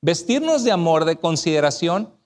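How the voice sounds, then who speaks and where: A man with a rather high voice preaches to couples at a church conference. He tells marriage stories in a lively way and slips into little acted quotes. He also reads out scripture verses in a sermon tone. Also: moderate pace, in a large hall. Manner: lively storytelling, acting out quoted arguments. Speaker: pastor speaking at a couples conference.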